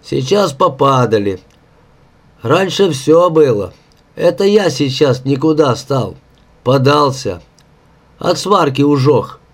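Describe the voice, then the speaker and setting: A man voicing a drunken, boastful old welder with a hoarse, growling voice torn from deep inside. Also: animated, slow pace, pauses often. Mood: rueful. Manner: rustic boasting, shouting. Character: old male welder, drunken, blustering, toothless. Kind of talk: audiobook character voice.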